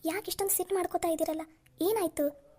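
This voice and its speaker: Cartoon young office woman, high-pitched, anxious and pleading, woman voicing. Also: steady tone, quick pace, dark tone. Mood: worried. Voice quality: pleading, fretful. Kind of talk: cartoon voice acting.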